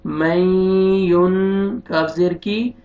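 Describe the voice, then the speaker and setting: A man teaching beginners to read the Quran, spelling out letters and vowel marks one by one, with quicker, quieter explanations of the rules. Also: high-pitched, dull audio, faint music behind. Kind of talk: slow spelled-out recitation lesson.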